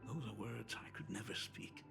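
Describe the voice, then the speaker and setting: An actor playing a solemn, aging father in a video game, with an old man's gravelly voice and a grave, wistful delivery. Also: lowish voice, moderate pace, over music. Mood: solemn, tender. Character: solemn aging father, fatherly artist burdened by family curse. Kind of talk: dramatic video game voice acting.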